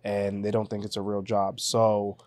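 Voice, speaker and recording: A man in his twenties from Haiti talks as a podcast guest, telling his story with an easy, relaxed flow. His voice sits low and sounds dry and close, with no room around it. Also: moderate pace, no room sound. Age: 20s. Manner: relaxed, storytelling, laughs easily. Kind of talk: casual podcast chat.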